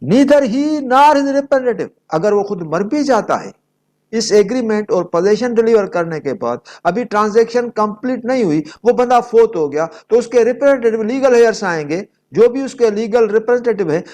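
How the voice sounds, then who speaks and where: A man with a high-sitting, darkish voice gives an explanatory law lecture. He reads out statute text, then restates each point didactically, repeating and rephrasing it with plain examples.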